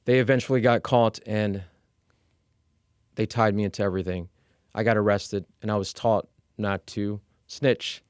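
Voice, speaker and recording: Fields: man, middle-aged, low clear voice, slow measured. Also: no room sound, clean studio sound. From Iran. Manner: measured, steady, with frequent fillers and restarts. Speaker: interview guest; executive coach. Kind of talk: candid personal storytelling.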